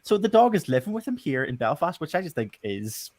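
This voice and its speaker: A man's voice: fairly high pitch, very animated, a little fast, a loud crowd. A man from Northern Ireland hosting a casual podcast chat, rambling with many ums and restarts. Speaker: podcast host.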